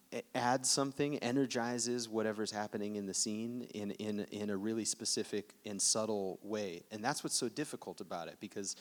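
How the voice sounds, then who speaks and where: A man with a lowish voice talks about his craft at a panel. He speaks thoughtfully and searches for words, with frequent ums. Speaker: composer. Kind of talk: panel conversation.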